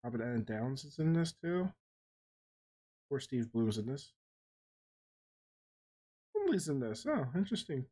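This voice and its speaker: A man streaming a game in a medium-pitched voice. He comments casually, mutters asides to himself and reads game text out loud. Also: very animated, unhurried, long pauses.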